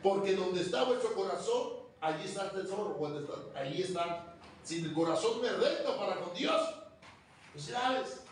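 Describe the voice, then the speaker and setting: High-voiced pastor preaching in an echoey hall. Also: male voice, expressive, slight background noise. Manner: emphatic, rhythmic preaching with drawn-out phrases. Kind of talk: sermon. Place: church hall. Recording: very echoey hall, voice far from mic.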